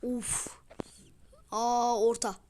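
A young woman giving casual gameplay commentary, excitable and easily frustrated, muttering one moment and crying out the next. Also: fairly high pitch, drawn-out words, noisy background. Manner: excitable, swings from muttering to loud frustrated outbursts. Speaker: gaming video creator.

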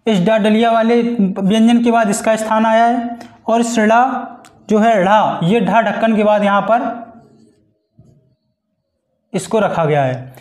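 A man's voice: high-pitched, a little slow, darkish tone, roomy sound. A man teaching a grammar lesson, patiently repeating and drawing out syllables to show how they are pronounced. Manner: patient, repeats and stretches out syllables to demonstrate pronunciation. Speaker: Hindi teacher. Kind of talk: blackboard-style grammar lesson.

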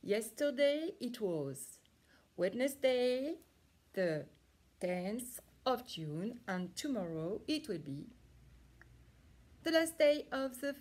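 A woman teaching a class lesson to young children, speaking slowly and clearly and praising pupils by name. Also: a little high, sing-song, a little mellow. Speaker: primary school teacher.

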